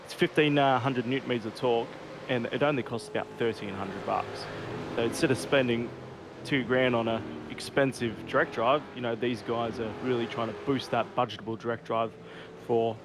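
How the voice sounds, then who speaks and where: A man's voice: mid-range voice, steady tone, moderate pace. A man giving casual motorsport commentary as co-commentator on a sim race. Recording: constant car engine noise. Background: race cars and engine noise.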